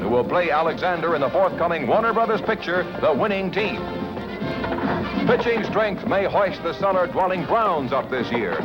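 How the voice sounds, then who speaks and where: A man narrates an old 1950s newsreel with brisk, punchy announcer energy. His voice sits high, and the recording is dull and lo-fi like an old film soundtrack.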